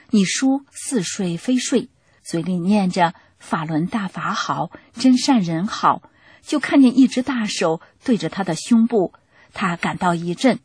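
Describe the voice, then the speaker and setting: A woman voicing a tearful, grateful elderly village woman who repeats herself haltingly. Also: medium pitch, darkish tone, breathy edge, dry recording.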